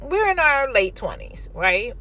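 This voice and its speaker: High and sing-song, this American woman speaks unhurriedly in a pushed, bright voice. She chats casually and candidly, sharing personal stories and giving emphatic relationship advice directly to her listeners in a conversational way.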